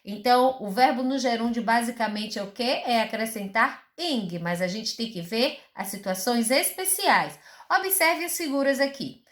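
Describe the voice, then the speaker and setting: A woman's voice: a little high, animated, normal speed, fairly bright tone. A woman teacher with a Brazilian Portuguese accent giving a recorded school lesson, explaining patiently and asking rhetorical questions.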